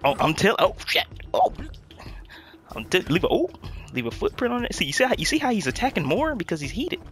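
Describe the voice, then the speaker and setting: A young man streaming a video game, commenting casually in an animated, joking, profane way. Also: high voice, fairly quick, soft background music.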